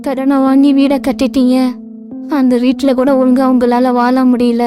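A woman's voice: high-pitched, completely flat delivery, moderate pace, lightly acted. A woman voicing a worried young wife in a cartoon, speaking plaintively over background music.

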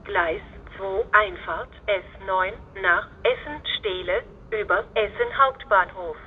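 A tinny, phone-like recording with clear noise carries a woman's flat platform announcement. She speaks slowly and formally, setting out each phrase evenly as a station announcer. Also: medium pitch. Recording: tinny phone-like band, hissy background noise.

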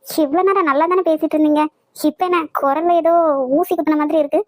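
A woman's voice: high-pitched, steady tone, fast, darkish tone, no room sound, close to an everyday voice. A woman voicing a spirited young woman in a cartoon, with a Kanyakumari Tamil accent. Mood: lively. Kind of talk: cartoon voice acting.

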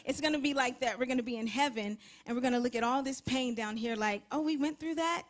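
A woman's voice: fairly high pitch, fairly even intonation, quick pace. A young woman, a gospel singer, speaking earnestly as a guest on a TV talk show interview. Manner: earnest, softly enthusiastic, sings snippets of her song.

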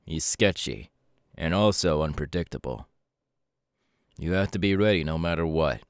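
A man voices a serious young hero mentor, speaking low, earnest and measured as though instructing a protégé he trusts. The intimate ASMR roleplay is recorded very dry, with an expressive, clear and resonant tone.

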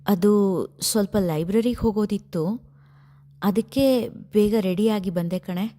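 A woman's voice: mid-range voice, unhurried, mellow, natural voice. A woman voicing a shy, sorrowful young female student who speaks hesitantly. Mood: tentative. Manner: hesitant, subdued.

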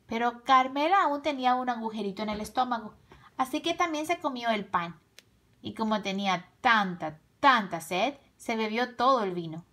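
A woman with a fairly high voice reads a children's folk tale aloud. She takes her time and lets each phrase land calmly and clearly. Her telling is gentle and expressive. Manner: slow, expressive storytelling. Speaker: storyteller.

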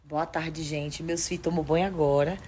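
A woman's voice: low-pitched, steady tone, moderate pace, warm tone, husky. A mother vlogging casually at home, effusive as she chats and reads a gift message aloud.

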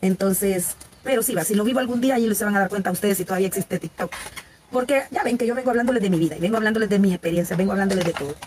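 A Salvadoran woman in her forties talks candidly to viewers on a live stream, and her voice sits at a medium pitch. She is chatty and frank and restarts her sentences often. Faint background noise and small clicks run under her voice. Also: very fast, a little mellow. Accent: Salvadoran Spanish. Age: 40s. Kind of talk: casual live-stream chat.

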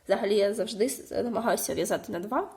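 A woman with a slight cold and hoarse voice, chatting casually in a knitting vlog and showing her work, with small fillers and restarts. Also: medium pitch, fast, a little mellow. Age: young adult to middle-aged, a mother. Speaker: knitting vlogger.

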